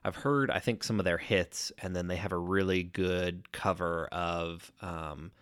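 A man co-hosting a podcast in casual chat, slightly congested from allergies, relaxed and chatty. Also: low-pitched, a little slow, clear, resonant tone, no echo, clean studio sound. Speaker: podcast co-host.

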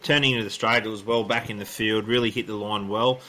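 Bright, forceful Australian racing tipster. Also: male voice, fairly low pitch, fairly even intonation, fast. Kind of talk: casual racing analysis.

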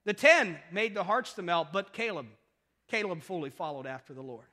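Male pastor, emphatic sermon delivery with rhetorical questions, pitch rising and falling a lot, recorded in a reverberant sanctuary. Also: lively intonation, moderate pace, pushed and bright.

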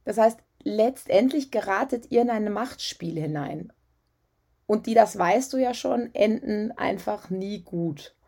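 A woman's voice: medium pitch, animated, measured pace, gravelly, dark tone. A woman who works as a parenting coach, giving chatty advice to parents with frequent fillers. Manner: conversational, frequent "ja" and "ähm" fillers.

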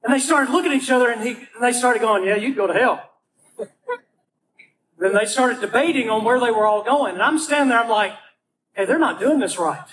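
A pastor preaches in a lively storytelling style and acts out each quote in a raised voice. His voice sits high for a man. A faint hiss runs under the recording. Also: quick pace, rough recording. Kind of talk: storytelling sermon.

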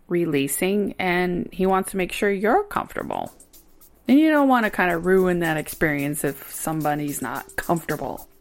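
A woman co-hosting a podcast, talking candidly in a casual chat and laughing easily. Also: on the low side. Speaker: podcast co-host.

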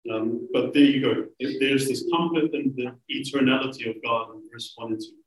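A man preaching a sermon, earnest and emphatic, slowing down to stress key phrases. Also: medium pitch, fairly even intonation, background noise. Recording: roomy, from a distance.

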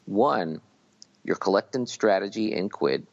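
A tired man co-hosting a podcast, rambling and halting through a casual late-night chat. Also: lowish voice, lively intonation, creaky, no room sound. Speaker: podcast co-host. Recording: dull dry audio.

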